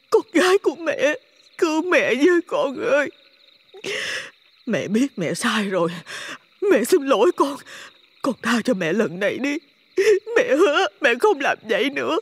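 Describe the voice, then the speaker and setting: Shrieking witch mother, a man putting her on, husky falsetto, wildly swooping pitch, cursing and begging. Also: full character voice. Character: crazed vengeful middle-aged mother, witch. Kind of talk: storytelling with character voices.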